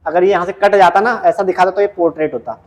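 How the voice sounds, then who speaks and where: A man teaching an exam-prep computer lesson, reading English questions slowly and explaining them in casual Hindi. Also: sits high, steady tone. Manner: often adds "ठीक है" as a check-in.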